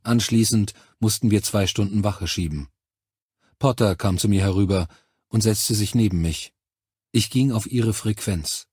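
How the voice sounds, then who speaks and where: A man narrating an audiobook in a steady, even storytelling manner, close to a studio microphone. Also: fairly low pitch, measured pace, breathy edge, no room sound.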